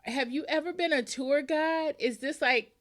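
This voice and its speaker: A woman's voice: sits high, moderate pace, fairly bright tone. A woman hosting a book podcast, chatting casually with a guest, rambling a little and laughing often. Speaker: podcast host. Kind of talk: casual interview chat.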